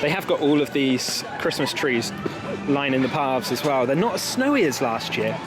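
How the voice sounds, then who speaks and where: A young British travel vlogger chats informally to his viewers outdoors at a theme park, holding the camera at arm's length. His mid-range voice is expressive and moves at normal speed. Music plays, along with noisy crowd and park ambience.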